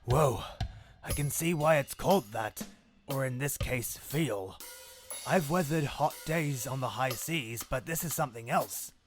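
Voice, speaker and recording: A man's voice: mid-range voice, a little slow, soft background music, close to an everyday voice. A man voicing a hard-drinking, roguish animal sea captain in an audio drama. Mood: weary.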